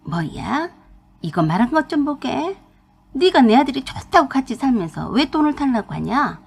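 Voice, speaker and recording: A woman voicing a bossy, scolding older mother-in-law who lectures her daughter-in-law in a low, husky voice. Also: very animated, normal speed, full character voice. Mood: indignant. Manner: domineering, lecturing.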